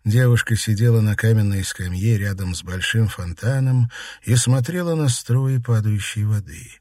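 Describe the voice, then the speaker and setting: A man narrating a fantasy audiobook in an even, measured reading. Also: on the low side, no room sound, studio quality. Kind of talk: scripted narration.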